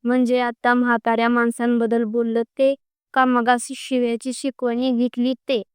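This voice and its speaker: A woman's voice: a little high, completely flat delivery, normal speed, a little mellow, clear, resonant tone, no echo, close to an everyday voice. A woman voicing a stern, irritable young man who scolds bluntly in a storybook reading.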